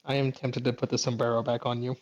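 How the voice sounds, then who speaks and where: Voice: mid-range voice, little pitch movement, quick pace, a little mellow, highs cut off. A game master chatting casually with the players during a break, making wry, dry jokes.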